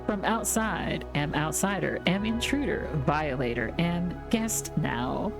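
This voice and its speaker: A woman's voice: lowish voice, animated, takes it slowly, creaky, music in the background, heavily acted. A woman voicing a cold, cryptic alien in a game, speaking in clipped, broken phrases without emotion. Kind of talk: reading game dialogue aloud.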